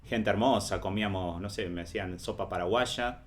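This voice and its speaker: A man's voice: fairly low pitch, moderate pace. A man hosting a faith interview show in an upbeat, welcoming way. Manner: upbeat, welcoming host patter. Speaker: host.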